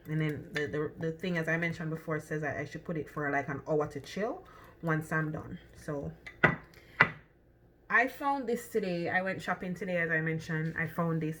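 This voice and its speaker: Her lowish, sharp voice carries a Jamaican accent, with slight background noise behind it. Demonstrating a recipe in her own kitchen, this cooking vlogger chats loosely, thinking aloud and often saying "um" or starting over.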